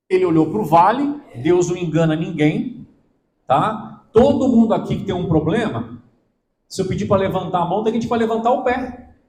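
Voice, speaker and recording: A man preaching in a church hall, his fairly high voice swinging widely as he presses his point. He keeps checking in with the congregation, and the room echoes around him with a faint hum behind. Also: a little mellow. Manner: emphatic, asks the congregation questions. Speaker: pastor. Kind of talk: sermon.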